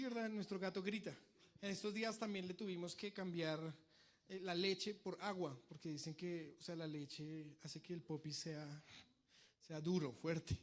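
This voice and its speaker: A young man preaching a sermon to a congregation, telling stories in a lively way and acting out the shouts and pleas he describes. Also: sits high.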